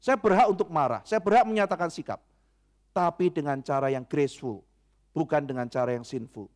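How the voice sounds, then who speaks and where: A middle-aged man, a pastor, preaching a sermon and telling a story with lively acted-out quotes. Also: on the high side, fairly quick.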